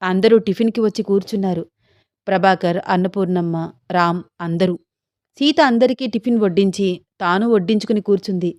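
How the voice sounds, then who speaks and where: A woman narrating a romantic story, voicing the dialogue of both lovers herself and lifting her pitch for the heroine. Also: brisk, a little mellow, no room sound, clean studio sound.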